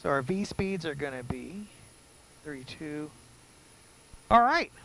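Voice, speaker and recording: A man's voice: fairly high pitch, big pitch swings, measured pace, vocal fry, fairly bright tone, rough recording. A man giving casual, self-deprecating commentary, muttering to himself as he sets up a simulated flight. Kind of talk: casual commentary while doing cockpit setup.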